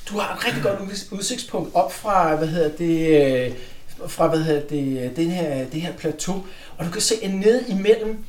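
A man narrating as game master, halting often with fillers as he describes the scene. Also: high-pitched, roomy sound. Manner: hesitant, many fillers.

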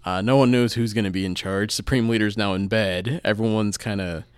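Male podcast co-host, low voice, dry close sound, relaxed film chat. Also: fairly quick, smooth, no echo. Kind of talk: casual film review chat.

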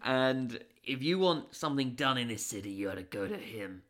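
A man's voice: mid-range voice, lively intonation, normal speed, a bit bright. A man, co-hosting a podcast and casually brainstorming a fantasy story, rambling with lots of fillers. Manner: rambling, many fillers and restarts. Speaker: podcast co-host. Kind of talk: casual worldbuilding chat.

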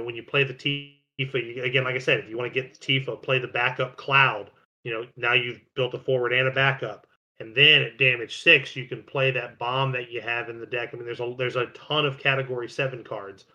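Male podcast co-host, easygoing and rambling, bright tone. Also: medium pitch, brisk, muffled recording. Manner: relaxed, rambling, many fillers and restarts. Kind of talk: casual card game podcast chat.

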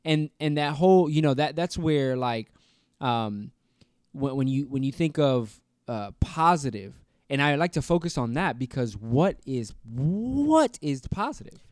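A man co-hosting a podcast at a middle pitch, talking casually. He gets animated and acts out the back-and-forth of everyday arguments. His voice is dry and close to the mic. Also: a little slow, smooth, dry recording. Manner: animated, acts out quoted exchanges. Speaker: podcast co-host. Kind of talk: casual discussion.

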